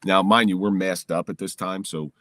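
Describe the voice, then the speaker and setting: Man, middle-aged, from New Jersey, low voice, dry sound, candid podcast guest, lively storytelling. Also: moderate pace, no echo. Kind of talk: personal storytelling in conversation. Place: home basement.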